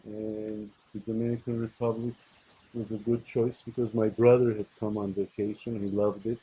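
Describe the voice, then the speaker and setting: A middle-aged man from Ethiopia telling his story in a relaxed, casual interview. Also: on the low side, normal speed, slight background noise, poor audio.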